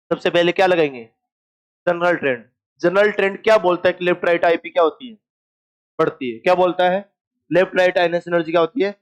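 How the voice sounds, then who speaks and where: Casting note: male teacher with a high voice, quizzing a classroom and playfully coaxing answers out of students. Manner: asks students questions and answers them himself. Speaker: chemistry teacher. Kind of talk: classroom lecture.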